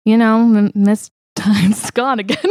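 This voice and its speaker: A woman's voice: fairly high pitch, sing-song, slow, darkish tone, no echo, clean studio sound. A woman playing a tabletop game, giggly and self-deprecating in casual chat. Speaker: player.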